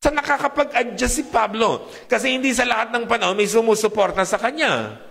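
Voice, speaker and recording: Lively preacher man in a reverberant hall. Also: very high-pitched, a little fast, creaky. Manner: lively, rhetorical, asks the congregation questions. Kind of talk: sermon.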